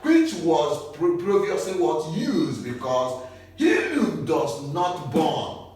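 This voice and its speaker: A man's voice: on the high side, big pitch swings, slow pace, darkish tone, distant mic. Nigerian male tutor, call-and-response teaching, set back from the mic in a very echoey room. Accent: Nigerian English. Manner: asks questions and answers them himself. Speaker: chemistry tutor. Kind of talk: classroom lecture.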